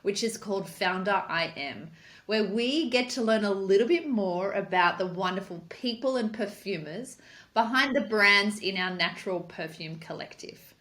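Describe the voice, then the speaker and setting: A woman hosting an interview series, introducing her guest with friendly enthusiasm and giving soft "mm" responses. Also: medium pitch, normal speed. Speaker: interview host.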